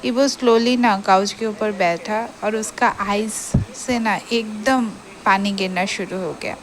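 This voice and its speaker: A woman's voice: medium pitch, fairly even intonation, slow. A woman retelling a romance story in a chatty, emotive way.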